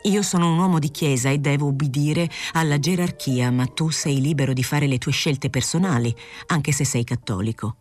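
A woman's voice: low-pitched, moderate pace, hardly any pauses, darkish tone, soft background music. A woman voicing an indignant, outspoken male priest. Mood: stern. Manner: outspoken, scolding.

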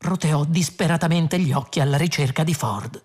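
A woman narrating an audiobook with expressive, dramatic storytelling. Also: low-pitched, moderate pace, husky. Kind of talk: audiobook reading.

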